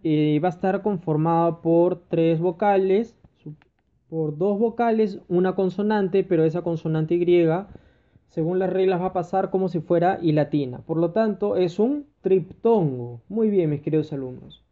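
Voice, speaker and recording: A man's voice: high voice, moderate pace. A man teaching a grammar lesson, walking through exercises step by step and checking in with his students again and again. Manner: addresses students fondly, checks understanding with repeated "ya". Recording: tinny phone-like audio.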